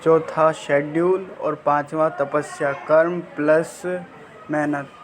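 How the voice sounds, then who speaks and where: A man's voice: fairly high pitch, flat delivery, takes it slowly. A man giving a disciple firm personal instructions, laying them out point by point. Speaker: spiritual mentor. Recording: noisy background.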